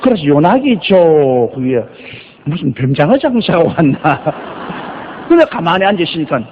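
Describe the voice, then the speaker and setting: An older man preaching a sermon as a pastor, telling stories with rhetorical questions and drawn-out emphasis. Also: on the high side, big pitch swings, a little hiss or hum. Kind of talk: sermon, Bible exposition. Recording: lo-fi recording with long reverb.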